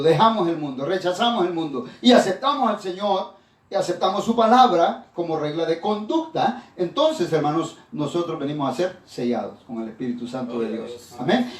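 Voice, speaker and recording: Male pastor, sermon delivery, higher-pitched voice, echoey room, mic at a distance. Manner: preaching with repeated "hermanos", frequent restarts.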